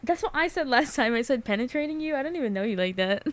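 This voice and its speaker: A woman's voice: sits high, animated, fast. Giggly woman streaming a game. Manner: giggly, laughs often, jokey asides. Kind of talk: casual gaming stream, reading game text aloud.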